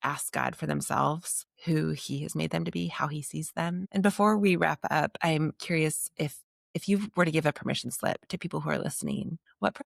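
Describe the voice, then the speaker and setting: An earnest, reflective woman hosts a faith podcast conversation. Her voice sits very low, with a gravelly fry on the ends of phrases. The sound is close and dry, with no room around it. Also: moderate pace, no room sound. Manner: earnest, reflective, gentle questioning. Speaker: podcast host.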